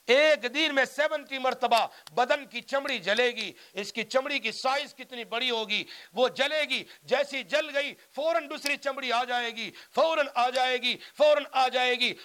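Man preaching, really high ringing voice, keeps repeating stuff for emphasis. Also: few pauses, pushed and bright. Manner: recites Arabic verses and explains them in Urdu. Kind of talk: Quran commentary sermon.

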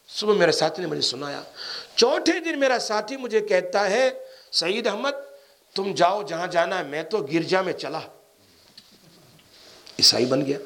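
Guy preaching a story, slightly high voice, acts out the dialogue. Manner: animated, acts out dialogue with shifting pitch. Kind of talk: storytelling sermon.

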